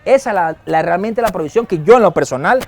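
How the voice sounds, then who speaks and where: A man preaching a sermon as pastor, lively and acting out quoted dialogue. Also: high-pitched, fast talker, vocal fry. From Venezuela. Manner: lively, acts out quoted dialogue and chuckles often.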